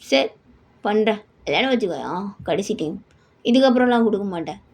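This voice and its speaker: A woman's voice: medium pitch, lively intonation, brisk, a little mellow. A woman voicing a menacing young man who wants revenge, speaking in threats and mockery. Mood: threatening. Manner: threatening, mocking.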